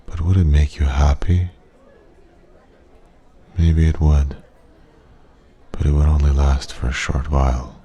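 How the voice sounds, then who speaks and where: A man playing a wise, regretful old man at a pub, a soft-spoken old sage giving slow, gentle advice in an ASMR ASMR role-play. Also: a bass voice, flat delivery, some chatter behind. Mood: wistful, regretful. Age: older.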